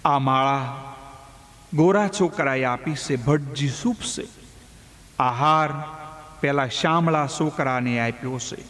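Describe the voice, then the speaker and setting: A man voicing a reformed male dacoit, gentle and humble, talking earnestly in a storytelling recording with long reverb. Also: mid-range voice, slow pace, pauses often.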